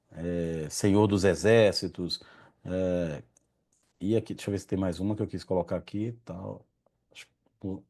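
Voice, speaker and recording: A man's voice: fairly low pitch, dark tone. A man leading an informal religious study group, often stopping to correct himself and admitting he struggles to pronounce Hebrew names. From Brazil.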